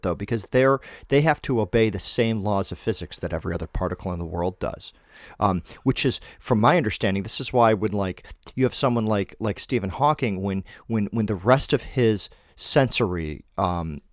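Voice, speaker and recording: Podcast co-host, man, lower voice, loose rambling delivery, dry mic. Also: no room sound. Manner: rambling, laughs easily. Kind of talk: casual podcast chat.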